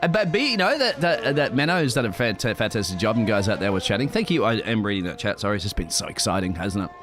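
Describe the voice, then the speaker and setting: A man doing live sim racing commentary, getting excited and shouting over fast laps. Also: fairly low pitch, music in the background.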